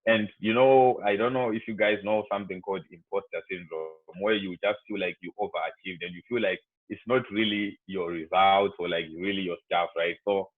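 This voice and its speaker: Over thin, dry video-call audio, a young man from Zimbabwe speaks to students in a low voice with a Zimbabwean accent. His talk is casual and meandering, crammed with "like" and "you know."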